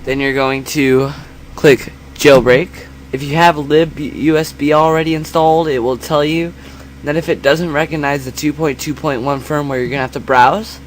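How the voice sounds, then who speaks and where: A man giving a casual software tutorial in a quiet, understated voice, kept a little back from the microphone. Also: on the high side, fairly even intonation, moderate pace. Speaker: tutorial host. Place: indoors at a computer. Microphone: separate microphone, not held close. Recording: noisy room hum, quiet separate mic.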